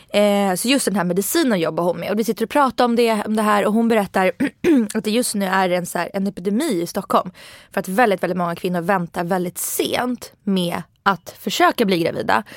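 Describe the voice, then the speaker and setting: A woman in her thirties telling a personal story in casual, lively chat, acting out her own reactions as she goes. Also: mid-range voice, dry recording, clean studio sound. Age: 30s. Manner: chatty, lively retelling with quoted asides.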